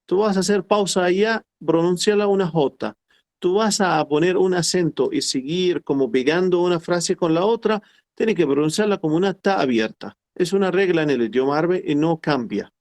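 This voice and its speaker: Middle-aged man teaching a class, slightly high voice, patient and repetitive. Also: a little mellow. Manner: explains slowly and repeats phrases, quotes Arabic formulas. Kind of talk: online class lecture.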